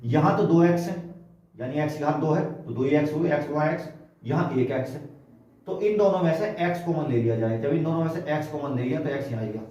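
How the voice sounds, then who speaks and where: A Hindi-accented man teaches math in a classroom, walking through each step and asking his students questions along the way. His voice is mellow and a little higher than usual for a man. It is picked up from a distance in a very echoey room. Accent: Hindi, North Indian. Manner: step-by-step explaining with rhetorical questions, boastful asides. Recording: very echoey room, voice from far off the mic.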